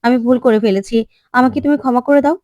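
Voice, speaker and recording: A scheming young woman begs for another chance, as a woman storyteller plays her. She sounds insistent and pleading, with a fairly high voice. The sound is dry and close. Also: fast, dark tone, no room sound, muffled recording, lightly acted.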